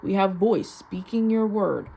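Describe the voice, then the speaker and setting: Warm and medium-pitched, a young woman's voice moves a little slowly with lively intonation as she gives a casual tarot reading. It's rambling, mystical, and chatty, full of "like." The recording carries clear background noise.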